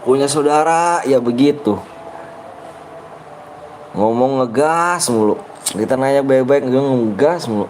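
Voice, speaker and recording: A man's voice: medium pitch, a little slow, pauses often, a little mellow, a little hiss or hum. A young man with a Betawi accent streaming a game, grumbling and bickering with his chat in slangy casual talk. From Jakarta, Indonesia.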